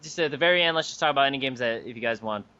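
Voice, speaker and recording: A man's voice: medium pitch, racing, bright, forceful tone, smooth. A young man co-hosting a gaming podcast, loose and joking, steering the conversation. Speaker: podcast co-host. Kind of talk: casual gaming chat. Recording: muffled lo-fi podcast audio.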